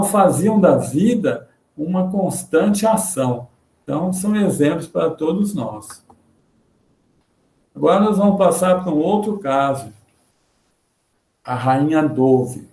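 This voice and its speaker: Brazilian male spiritist lecturer, earnest and halting, fairly high voice, roomy video-call sound. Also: lively intonation, darkish tone. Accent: Brazilian Portuguese. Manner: earnest, halting with repeated fillers. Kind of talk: religious lecture with read-out passages. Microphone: computer mic in a video call.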